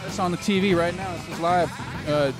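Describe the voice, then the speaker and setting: A man hosting a casual food vlog outdoors, trading deadpan jokes in a playful, mock-newscaster way. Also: sits high, a little fast. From Utah. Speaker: vlog host. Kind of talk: joking casual commentary. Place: outdoors at street taco stands. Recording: music playing behind.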